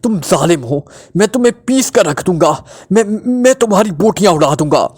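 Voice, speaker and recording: A man's voice: high-pitched, animated, normal speed, mellow, pitched above the performer's own voice. A man voicing a panicky one-eyed male villain held captive, who shrieks and pleads. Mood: screaming.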